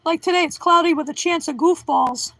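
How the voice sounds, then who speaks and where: Goofy high-voiced middle-aged woman livestreaming. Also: a little fast, sharp tone, no echo, poor audio. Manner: goofy, joking, punning, self-deprecating. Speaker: livestream host reading chat. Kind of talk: casual livestream chat.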